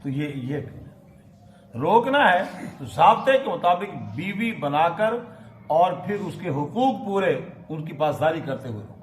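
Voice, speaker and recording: Echoey mosque preacher reciting and explaining verses. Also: male voice, on the high side, very animated, measured pace. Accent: Pakistani Urdu. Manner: recites Arabic verses then explains, asks the audience questions. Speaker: maulana giving Quran lesson. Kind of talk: mosque sermon, Quran commentary. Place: mosque hall. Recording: echoey mosque hall, faint noise.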